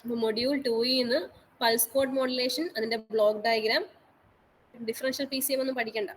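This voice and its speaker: Brief: woman lecturer on an online class call, higher pitch, repeats every instruction, faint background noise. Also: steady tone, brisk, poor audio. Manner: repetitive, instructive, mixes English terms into speech. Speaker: college teacher.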